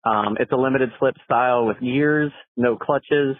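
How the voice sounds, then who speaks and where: A man's voice: mid-range voice, unhurried, no room sound. An American man leaving a casual, rambling voicemail message as a listener calling in to a show. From Florida, USA. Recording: muffled narrow phone voicemail line.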